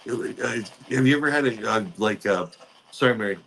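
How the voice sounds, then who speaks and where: A man speaking as a spirit medium, relaying messages in short, halting fragments during a ghost box session. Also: medium pitch, creaky, a bit bright, a little hiss or hum, low-quality recording.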